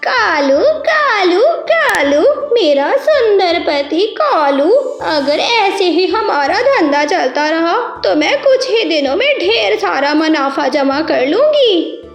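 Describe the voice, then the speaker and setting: A woman's voice: extremely high pitch, sing-song, takes it slowly, heavily acted. A woman voicing a greedy, scheming female crow in a cartoon, wheedling. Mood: gloating. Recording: roomy, faint music.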